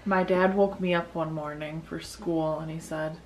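A woman's voice: deep voice, steady tone, moderate pace, background noise. A woman vlogger chatting casually, making brief, dry remarks. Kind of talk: casual chat. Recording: roomy echo.

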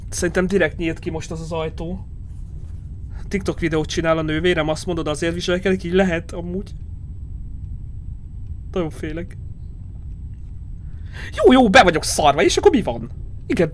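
A man in his thirties commentating a horror game for his chat, jumpy, swearing and shouting when scared, muttering quietly to calm himself. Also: on the high side, a little hiss or hum. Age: 30s. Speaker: streamer.

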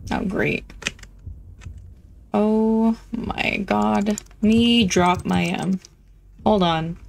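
A woman gameplay streamer talks to herself while playing, offering chatty, wry let's-play commentary. Her mid-range voice is creaky, and the rough recording carries a little hiss or hum.

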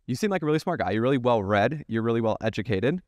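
A man's voice: mid-range voice, lively intonation, fast, darkish tone, dry recording, clean studio sound. A man hosting a casual interview, asking questions in a laid-back, joking way. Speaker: podcast host.

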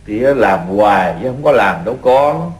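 A man's voice: on the low side, animated, normal speed, a little mellow, reverberant, close to an everyday voice. An actor playing a fretful, doting rural father with a Southern Vietnamese accent in an old radio play, scolding and repeating himself.

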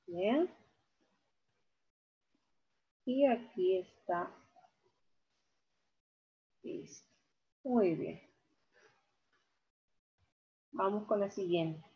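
Woman teacher, slow and repetitive, husky, muffled video-call sound. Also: medium pitch, expressive. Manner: slow, repeats key words, syllable-by-syllable. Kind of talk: online class lesson. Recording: dull video-call audio.

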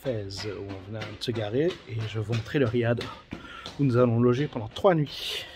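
A man's voice: medium pitch, normal speed, background noise. A man chatting casually as he guides viewers through his travel vlog. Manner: chatty, guiding viewers along. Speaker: travel vlogger. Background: music.

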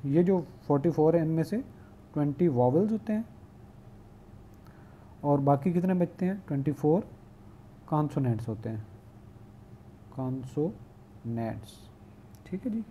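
A male teacher giving an online lecture. He reads English definitions slowly, explains them at length, and asks questions he answers himself. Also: a little high, expressive, muffled recording, a little hiss or hum.

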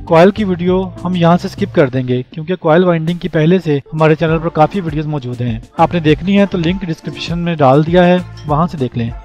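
Fairly high-pitched and a little mellow, this man's voice, with its highs cut off, narrates a scripted tutorial, laying out each step plainly as the host. Music runs in the background.

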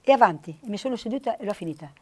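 A woman's voice: medium pitch, lively intonation, very fast, slightly rough. A woman with a Trentino accent, talking as a guest in an effusive, rambling chat. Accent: Trentino dialect. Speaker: guest poet. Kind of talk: casual chat.

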